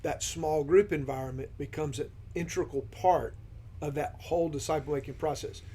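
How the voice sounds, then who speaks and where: A man on a ministry team who guides a podcast discussion, affirming his partner and posing questions in a steady manner. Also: on the high side, normal speed, slight background noise. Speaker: discipleship ministry team member leading the discussion.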